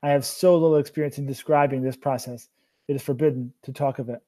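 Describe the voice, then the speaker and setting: A man voicing a tired old man who is a burdened mentor, speaking slowly and earnestly. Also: medium pitch, fairly even intonation, mellow, close to an everyday voice. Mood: weary.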